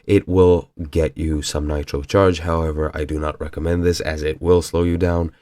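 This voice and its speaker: A man's voice: a bass voice, flat delivery, moderate pace, warm tone. A young man with a cold and a nasal voice, casually explaining a video game mechanic as a tutorial host, with fillers and apologies. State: has a cold.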